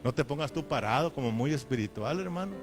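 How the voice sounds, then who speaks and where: A male pastor preaches in church at a middle pitch. He talks emphatically, turning again and again to his brothers with rhetorical questions. Music plays clearly behind his voice. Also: animated, fast talker. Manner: emphatic, keeps addressing listeners as brother, asks rhetorical questions. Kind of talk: sermon.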